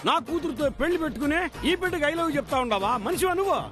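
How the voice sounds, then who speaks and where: A loud, nosy hard-of-hearing old father. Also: extremely high pitch, expressive, rapid-fire. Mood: scolding. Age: older. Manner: loud, scolding, comic. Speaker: bride's father. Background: background music.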